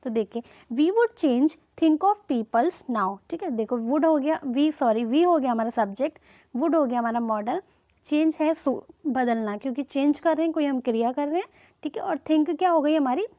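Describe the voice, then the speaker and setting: A woman teaching English grammar to Hindi speakers, checking in with "okay?" after each point and reading example sentences slowly. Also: high-pitched, warm tone, dry recording. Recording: slightly dull, lo-fi sound.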